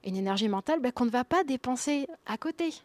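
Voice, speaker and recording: A woman in her thirties presents at a conference in a fairly high voice. She keeps it conversational and drops little quips to the audience. The sound is dry and close. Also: lively intonation, fast, darkish tone, no room sound. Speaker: conference speaker. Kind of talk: conference talk.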